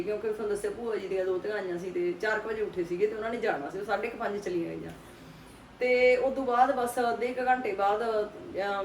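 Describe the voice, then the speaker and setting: A middle-aged woman from Punjab, talking to her viewers in a soft, sorrowful and consoling way, often adding little tag questions. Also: medium pitch, slight background noise. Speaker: vlogger. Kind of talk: casual heartfelt talk to viewers.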